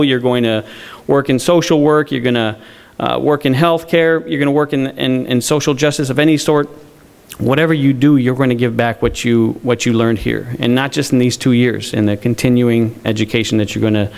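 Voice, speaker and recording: A male faculty member giving an informal speech at a student ceremony, earnest with dry joking asides and frequent restarts, in front of a live audience. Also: medium pitch.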